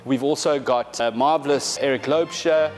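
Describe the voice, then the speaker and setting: This gallery presentation features a man in his thirties, an art specialist, discussing paintings in a large hall. He talks at medium pitch in a measured, explanatory manner, with many fillers and restarts.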